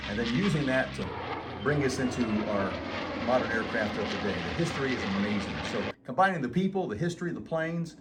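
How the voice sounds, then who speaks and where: A man with the measured, earnest delivery of an airshow commentator, giving unscripted interview answers. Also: mid-range voice. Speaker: airshow announcer. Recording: off-mic, loud outdoor background noise.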